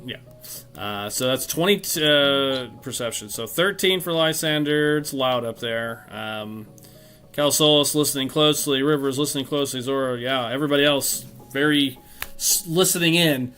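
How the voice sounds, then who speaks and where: A man runs a tabletop role-playing game, describing scenes and calling for dice rolls. He speaks at a middling pitch and often stops to think aloud with fillers. Faint music plays behind him. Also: moderate pace, a bit bright. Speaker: game master.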